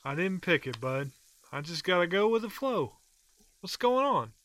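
A man's voice: high voice, sing-song, normal speed, fairly bright tone, no room sound. A man doing a folksy country guy. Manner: folksy drawl, colorful sayings. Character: folksy older country man, easygoing but protective. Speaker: caller.

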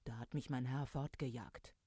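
A woman's voice: extremely low pitch, steady tone, normal speed, mellow, breathy edge, dry recording, clean studio sound. A woman doing a weary old sighing dog.

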